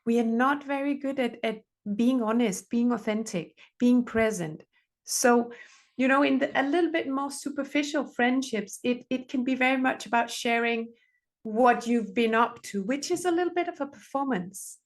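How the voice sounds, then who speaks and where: A woman's voice: on the high side, normal speed. A middle-aged woman therapist, giving earnest advice in conversation and repeating phrases for emphasis. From Denmark. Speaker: relationship therapist, podcast guest.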